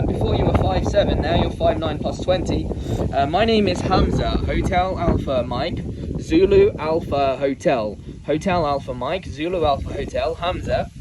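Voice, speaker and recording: Out in the open countryside, a man with a voice on the high side chats about and demonstrates portable radio gear hands-on. He's an amateur radio operator presenting a video, informal and practical but a bit hesitant. The outdoor microphone picks up wind and noise.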